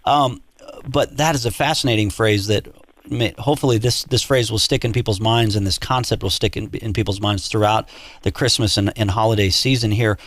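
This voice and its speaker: A man hosting a radio talk show, interviewing a caller in a halting way with many fillers and restarts. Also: lowish voice, steady tone, fairly bright tone. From Montana.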